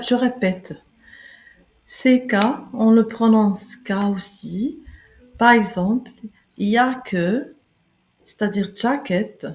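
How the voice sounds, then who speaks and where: A woman gives a German pronunciation lesson, explaining letters and words in a very slow, halting way, with fillers and restarts. Her voice sits at a middle pitch. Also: a little mellow, low-quality recording. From Morocco. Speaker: German teacher.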